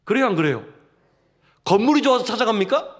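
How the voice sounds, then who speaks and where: A male pastor preaching a sermon in an animated way, throwing rhetorical questions at the congregation with humorous asides. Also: high voice, quick pace.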